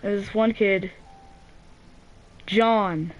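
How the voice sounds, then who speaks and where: A woman's voice: medium pitch, drawn-out words, muffled recording. A teenage girl hosting a gaming channel, telling a story in a rambling, casual way full of "like", restarts and swearing.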